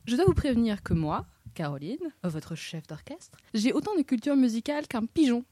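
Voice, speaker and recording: A woman's voice: a little high, big pitch swings, moderate pace, dark tone, no room sound. A woman hosting a literary podcast, introducing it in a wry, self-mocking and playful way. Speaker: podcast host.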